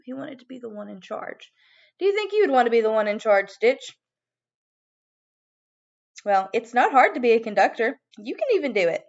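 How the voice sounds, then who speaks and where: A woman giving a video music lesson to young children as their teacher, animated and prompting them with questions. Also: fairly high pitch, gravelly, highs cut off.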